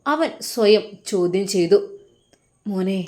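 A woman's voice: medium pitch, moderate pace. Emotive woman narrating a story. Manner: emotive, expressive.

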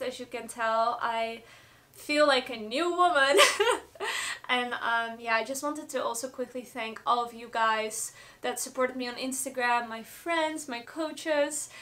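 A woman in her twenties talks to the camera in a casual vlog style. Her voice sits a little high, and she sounds like she is giving an everyday personal update from her bedroom. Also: bright, forceful tone. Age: 20s. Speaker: vlogger, roller skater. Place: bedroom, indoors.

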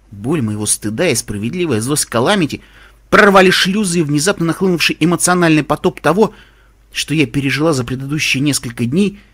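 A male narrator reads a first-person audiobook with an expressive, emotional delivery. His voice is husky and a little high for a man. He carries the story with strong feeling. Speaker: audiobook reader.

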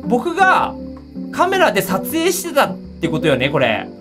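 A woman giving excitable commentary on a horror game, easily startled, often exclaiming and repeating her words. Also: medium pitch, moderate pace. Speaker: game streamer. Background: music.

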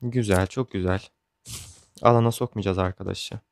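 A man's voice: on the low side, steady tone, moderate pace, gravelly, background noise. A young man chatting casually as he comments on his own gameplay, joking and grumbling along the way. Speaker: gaming YouTuber.

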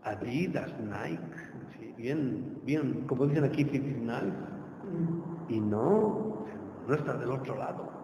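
A man's voice: mid-range voice, lively intonation, takes it slowly, gravelly, dark tone, highs cut off. A man giving an informal classroom lecture, constantly checking in with his listeners with tag questions. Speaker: university lecturer. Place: lecture room. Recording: roomy hall echo, faint noise.

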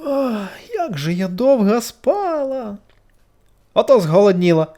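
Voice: medium pitch, big pitch swings, slow pace, warm tone, voice pushed up. Narrator doing Sorata, a whiny caterpillar girl. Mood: cheerful. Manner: whiny, tearful complaining. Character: fretful chatty female caterpillar, self-pitying. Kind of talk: storybook character voice.

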